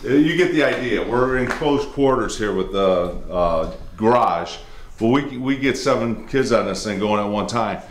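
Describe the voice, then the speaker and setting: An older man coaching a band workout in a home garage, brisk and plainspoken, calling out cues and counts. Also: lowish voice, expressive. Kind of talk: casual instructional demo. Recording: roomy echoey garage.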